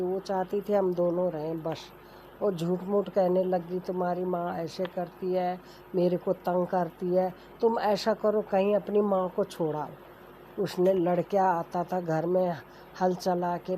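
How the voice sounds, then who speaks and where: Storyteller: woman, low warm voice, homely folk-tale telling, faint hiss behind. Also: rough recording. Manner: plain homely telling, voices characters lightly without changing voice. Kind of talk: casual oral storytelling. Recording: faint background noise.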